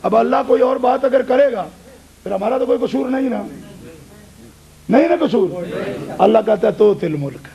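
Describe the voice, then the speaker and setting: A man preaching an impassioned sermon at a large gathering, shouting and repeating phrases for emphasis. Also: extremely high pitch, creaky, pauses often, poor audio. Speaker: religious preacher and debater. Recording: loud crowd at a live gathering.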